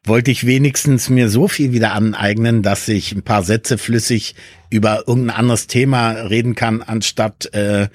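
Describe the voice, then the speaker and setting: A man's voice: lowish voice, fairly even intonation, normal speed, no echo, studio quality. Reflective man in a casual chat. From Berlin. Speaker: conversation partner.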